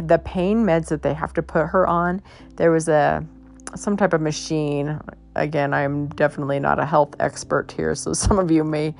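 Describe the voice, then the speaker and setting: A woman host telling a personal story in a casual, halting way, her voice worn as if she is losing it. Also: deep voice, creaky, a little mellow. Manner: halting, many fillers and restarts. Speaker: podcast host.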